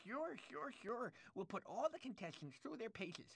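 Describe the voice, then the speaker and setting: A jittery, fawning TV producer in a video game cutscene. He stammers and lisps, his bright voice jumps all over the place, and the sound is close and dry. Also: extremely high pitch, very animated, normal speed, gravelly, husky, no room sound, heavily acted. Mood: nervous fawning. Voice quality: lisp. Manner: stammering, eager to please. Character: nervous fawning male TV producer.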